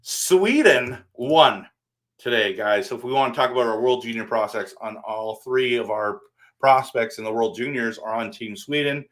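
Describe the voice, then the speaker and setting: A man's voice: mid-range voice, moderate pace, a bit bright. A man hosting a casual live stream, rambling and answering his viewers by name while standing at his desk.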